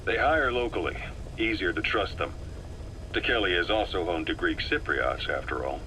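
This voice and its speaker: Briefing a fellow soldier in a video game, this seasoned operative stays calm and matter-of-fact, his low voice edged hard and bright yet lively in intonation. The low-quality recording carries faint tape noise.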